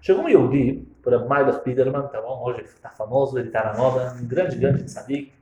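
A man giving a storytelling sermon, animated and acting out the dialogue. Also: medium pitch, fairly quick, lo-fi sound. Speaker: religious speaker. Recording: roomy echo.

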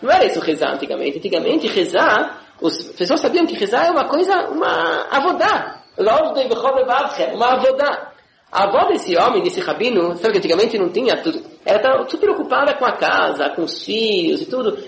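A man giving a classroom religious lesson, animated and often checking in with his listeners. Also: high-pitched, fairly quick, vocal fry, echoey room, slight background noise, rough recording. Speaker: religious teacher.

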